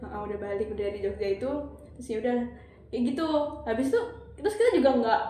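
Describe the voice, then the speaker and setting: A young adult woman telling a counselor a personal story in a casual, animated way, acting out quoted dialogue with lots of fillers. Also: a little high, racing. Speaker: counseling client. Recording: very echoey room with faint background noise.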